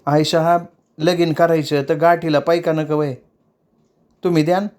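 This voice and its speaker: A man's voice: a little high, little pitch movement, moderate pace, darkish tone, clean tone, voice pushed up, natural voice. A man voicing a lovesick, tearful young tamasha dancer, pleading in rural dialect.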